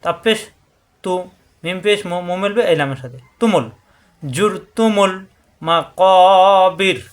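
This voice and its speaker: A man teaching Quran reading rules. He explains step by step, and he drills syllables slowly and over again. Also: high-pitched, lively intonation. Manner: slow, repetitive drilling of syllables. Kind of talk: tajweed lesson.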